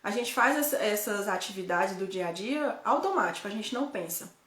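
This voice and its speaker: A woman's voice: medium pitch, animated, fairly quick, fairly bright tone, reverberant. A woman from Ceará, Brazil, with a Northeastern Brazilian accent, talking casually to viewers as a host, often tagging her sentences with questions and correcting herself as she goes. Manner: chatty, frequent tag questions, self-correcting. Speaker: host, guide living abroad. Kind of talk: casual live chat to viewers.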